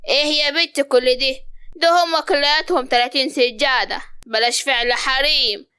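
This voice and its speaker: A woman's voice: high voice, fairly even intonation, normal speed, pushed and bright, no echo, studio quality. An actress playing a harsh, bossy older mother-in-law with an Upper Egyptian accent, scolding and giving orders. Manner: scolding, commanding.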